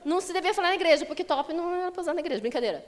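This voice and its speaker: High-voiced woman preaching in a reverberant church. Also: rapid-fire. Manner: lively, conversational preaching with acted quotes. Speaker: pastor. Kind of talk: sermon. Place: church sanctuary. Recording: long church hall reverb.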